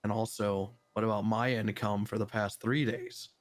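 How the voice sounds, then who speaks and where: A man with a low voice talks in a casual role-play chat. His delivery is dry and stays flat, with little rise or fall. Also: moderate pace, no echo. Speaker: fellow role-player.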